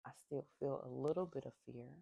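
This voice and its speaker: A meditation guide leading an ASMR breathing session, giving slow, gentle instructions and sharing candid asides about their own feelings. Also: medium pitch, vocal fry, breathy edge, no echo.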